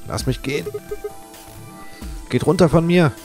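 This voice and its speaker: A man's voice: a little high, measured pace, a little mellow, voice pushed up. A man doing a let's play, voicing a tormented, desperate captive who pleads in anguish. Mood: desperate pleading. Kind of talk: let's play dramatic reading. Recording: game music faintly behind.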